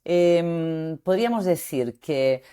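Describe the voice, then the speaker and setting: Lady voice coach, super low dark voice, acts out little examples while she explains. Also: slow, clear, resonant tone. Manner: expressive, acts out example phrases. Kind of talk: interview guest explaining.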